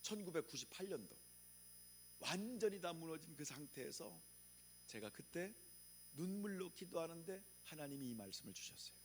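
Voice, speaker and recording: A man's voice: a little high, animated, moderate pace, slight background noise. A male pastor from preaching a revival sermon, calling on the congregation to repeat after him and answer back. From Chungcheong, Korea.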